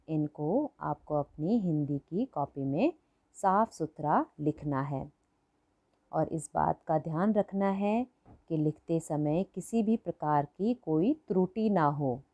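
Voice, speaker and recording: A woman's voice: deep voice, mellow, lo-fi sound. A woman teaching a primary school lesson, patient, repeating each word and asking the class questions. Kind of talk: slow classroom lesson for children.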